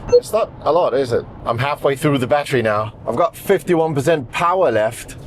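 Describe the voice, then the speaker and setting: Chatty man reviewing a car, lively pitch. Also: normal speed, slight background noise. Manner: chatty, talking while driving. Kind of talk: casual vlog commentary. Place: inside a car.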